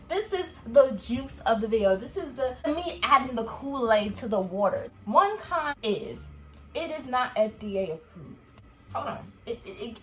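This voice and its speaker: A young woman talking straight to camera in a casual vlog, her voice sitting a little higher than most. She is chatty and animated, laughs often, and acts out the dialogue she recounts. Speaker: vlogger. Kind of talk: casual review chat to camera.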